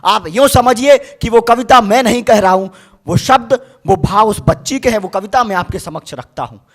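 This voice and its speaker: Very high-voiced impassioned male poet. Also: normal speed. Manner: impassioned, chanting verses with rising force. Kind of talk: reciting poetry on stage. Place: university event stage.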